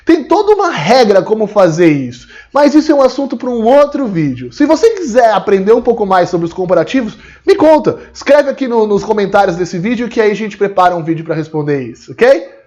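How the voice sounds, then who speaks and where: A man with a Brazilian Portuguese accent, teaching English in a video lesson and explaining common mistakes to the viewer. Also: high-pitched. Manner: animated and explanatory, slowing down to model English phrases.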